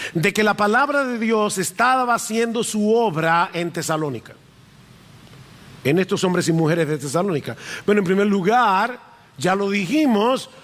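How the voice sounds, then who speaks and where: Middle-aged male preacher, emphatic and insistent, high voice with long hall echo. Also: a bit bright. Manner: emphatic, repeats key phrases for stress. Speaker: pastor. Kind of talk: preaching a sermon. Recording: long reverb of a large hall.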